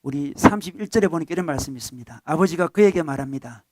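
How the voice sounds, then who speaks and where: A man's voice: a little high, expressive, fast talker, darkish tone, a little hiss or hum. A male pastor giving a sermon in a conversational tone, asking the congregation rhetorical questions and chuckling between points.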